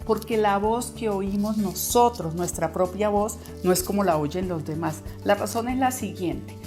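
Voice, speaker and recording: A woman's voice: medium pitch, unhurried, a little mellow, faint music behind. A woman voice coach explaining how the voice works in a video lesson, sometimes acting out listeners' reactions.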